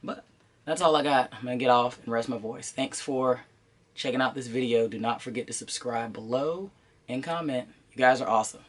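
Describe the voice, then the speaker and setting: A man's voice: mid-range voice, brisk. A man with a congested, sinus-affected voice giving a casual unboxing commentary as a channel host, informal and thinking aloud as he goes.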